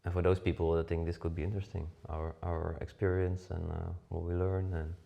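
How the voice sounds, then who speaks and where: A man in his forties from the Netherlands talks casually as a podcast co-host. His voice sits fairly low with a gravelly fry. He hesitates often, filling gaps with "uh" and starting sentences over. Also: little pitch movement, a little fast, warm tone. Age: 40s. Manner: hesitant, many fillers and restarts. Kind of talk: casual chat.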